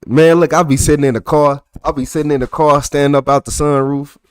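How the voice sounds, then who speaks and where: His voice is on the high side, brisk, with fairly even intonation and a clear, resonant tone. He's a young adult man with a thick Texas accent, casually reading and reacting to chat messages on a livestream. Dry recording, clean studio sound.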